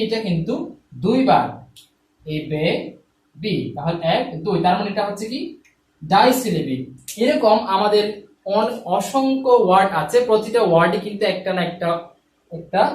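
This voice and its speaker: Man, from Bangladesh, patient teacher, repetitive counting, echoey room, distant mic. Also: high-pitched. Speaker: English teacher. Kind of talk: classroom lesson explaining syllables. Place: room with a whiteboard and ceiling fan.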